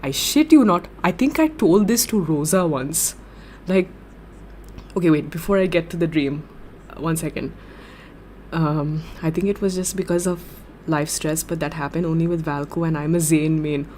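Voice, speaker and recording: A woman's voice: sits low, moderate pace, slight background noise. Giggly young woman streamer chatting. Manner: giggly, gushing and excitable. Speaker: livestreamer. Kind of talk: casual livestream chat reading viewer comments.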